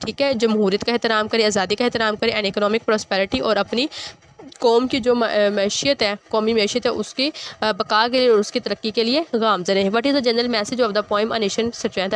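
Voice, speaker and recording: Slow-reading woman teacher. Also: a little high, steady tone, smooth. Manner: reads English lines slowly, then explains them. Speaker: English teacher. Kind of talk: explaining a school exercise.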